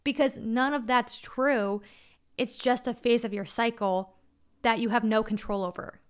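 A woman's voice: medium pitch, clean tone. A woman in her twenties hosting a solo podcast, talking frankly and casually with crude slang. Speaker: podcast host.

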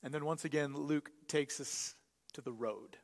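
A man preaching a sermon with a slightly high voice that carries long reverb through a church hall. He is earnest and builds to loud emphasis before dropping almost to a hush. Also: measured pace. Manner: earnest preaching that swells louder and drops to a hush. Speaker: pastor. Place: church sanctuary.

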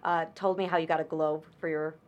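A woman hosting a casual interview podcast, with a voice that sits a bit low. She chats easily and keeps nudging her guest along with quick affirmations. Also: little pitch movement, a little mellow, lo-fi sound. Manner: conversational, affirming with frequent mm-hmms.

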